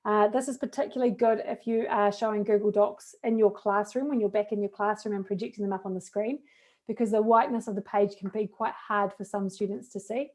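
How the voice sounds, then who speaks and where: Mellow New Zealand woman demoing software. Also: medium pitch, steady tone, a little fast. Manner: chatty, upbeat, casual fillers. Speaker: teacher trainer. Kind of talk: live webinar tech demo.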